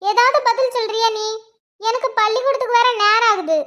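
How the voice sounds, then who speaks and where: A woman's voice: extremely high pitch, fairly quick, a bit bright. A woman voicing a cheeky, nosy younger schoolgirl sister in a cartoon, prying and teasing. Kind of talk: cartoon voice acting.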